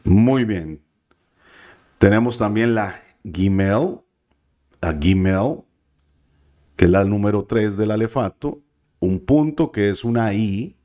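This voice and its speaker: Slow, patient, low-voiced male teacher. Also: dark tone. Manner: patient, slow, checks in with the class. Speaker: biblical Hebrew teacher. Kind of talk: classroom lesson.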